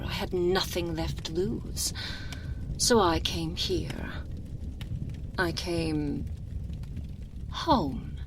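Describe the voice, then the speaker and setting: A woman's voice: on the low side, slight background noise. A woman playing an imperious, seductive aristocratic vampire lady with wounded pride, in a languid, theatrical ASMR roleplay, close to the microphone and drifting into near-whispers. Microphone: close binaural microphone.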